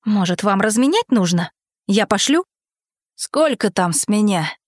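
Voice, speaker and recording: A woman's voice: mid-range voice, lively intonation, unhurried, no echo, clean studio sound, voice pushed down. A woman reading aloud, voicing a gloomy, broke young man who mumbles evasively. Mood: glum. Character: glum, broke young man, dreamy and wheedling.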